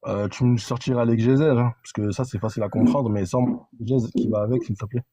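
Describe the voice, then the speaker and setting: Mellow husky man explaining his view. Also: mid-range voice, steady tone, a little fast. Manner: explains patiently, tags points with "hein" and "ok". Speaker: debate caller. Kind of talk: live online religious debate.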